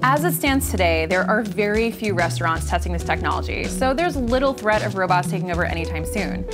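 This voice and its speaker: A woman's voice: medium pitch, lively intonation, fairly quick, over music. A woman in her thirties hosting and narrating a tech explainer video in an upbeat, conversational way.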